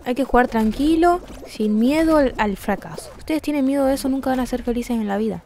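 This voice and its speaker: Young woman gamer, Rioplatense accent, higher voice, loud outbursts and casual asides. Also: brisk, a little hiss or hum. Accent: Rioplatense Spanish. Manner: swears and shouts at the game, chatty asides to viewers. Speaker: gaming streamer. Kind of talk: casual gaming commentary.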